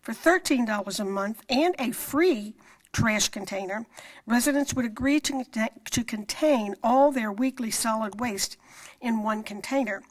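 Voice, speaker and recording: A woman council member giving a formal prepared presentation with a measured, sometimes halting delivery. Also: a little high, rough recording. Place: council meeting room.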